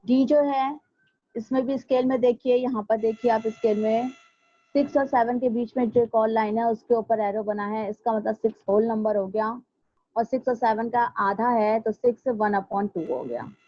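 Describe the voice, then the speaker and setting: A woman school teacher, patiently explaining a maths lesson step by step and slowing down to repeat things for her students. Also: on the high side, fairly even intonation, warm tone. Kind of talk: recorded online maths lesson. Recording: dry, dull lo-fi home recording.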